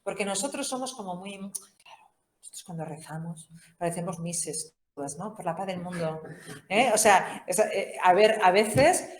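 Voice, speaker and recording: A woman's voice: medium pitch, lively intonation, normal speed, a little hiss or hum. A woman with a Spain Spanish accent giving an informal Bible course talk, conversational and humorous, often tagging her sentences with questions. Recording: roomy echo.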